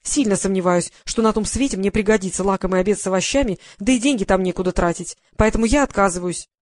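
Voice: mid-range voice, fast talker, dry recording, close to an everyday voice. A reader doing a flustered young woman who refuses and argues back with indignation. The sound is dry and close to the mic. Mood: indignant. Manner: protesting, flustered. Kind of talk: first-person heroine in audiobook.

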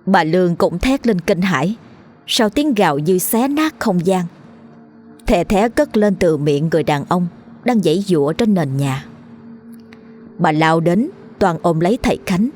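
A woman narrating a horror story in a tense, measured storytelling manner. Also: on the low side, lively intonation, darkish tone. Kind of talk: dramatic audiobook narration. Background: faint music.

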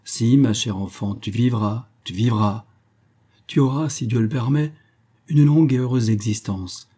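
A man's voice: medium pitch, measured pace, mellow, breathy edge. A man voicing a frail, worried father who pleads tenderly with his daughter, in a read-aloud novel. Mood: pleading.

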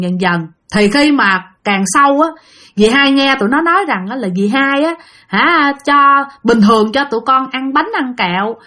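A woman's voice: high voice, bright, forceful tone. A woman tells a ghost story in a chatty way, talking straight to her listeners and repeating words for effect. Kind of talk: spoken ghost-story narration.

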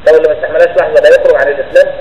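A man's voice: on the high side, steady tone, very fast, darkish tone, roomy sound, big-room sound, highs cut off. A man with an Egyptian Arabic accent giving a colloquial religious lesson. He keeps asking his listeners whether they understood. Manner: conversational, keeps checking understanding. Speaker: religious teacher.

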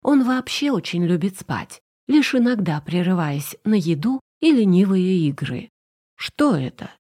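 A woman narrating a romance novel audiobook in an even, storytelling manner. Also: on the low side, unhurried. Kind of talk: scripted narration.

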